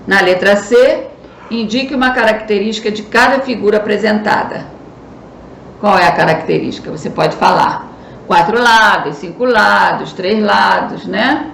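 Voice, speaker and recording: A woman's voice: medium pitch, a little slow, gravelly. A Brazilian woman teacher with a Brazilian Portuguese accent, patiently explaining a recorded school lesson and stressing key words. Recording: echoey room, faint noise.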